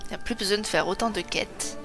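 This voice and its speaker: A woman's voice: mid-range voice, fast talker. A woman giving chatty, self-mocking let's play commentary, thinking aloud as she plays. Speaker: gaming streamer. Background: game music.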